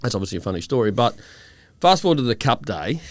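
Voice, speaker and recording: A man in his thirties with an Australian accent, co-hosting a casual pub-style podcast and telling animated yarns. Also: mid-range voice, quick pace. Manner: animated storyteller, acts out mates' voices. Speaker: podcast co-host.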